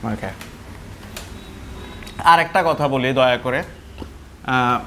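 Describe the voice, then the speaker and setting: A man's voice: medium pitch, very slow, sharp tone, a little hiss or hum. A man teaching English pronunciation, switching between Bengali and English and repeating example words.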